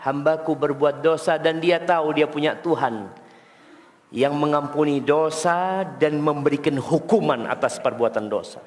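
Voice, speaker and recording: Male preacher, high voice, lively sermon with questions to the congregation, roomy reverberant hall. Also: a little slow. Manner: animated, quizzes the congregation. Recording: echoey hall.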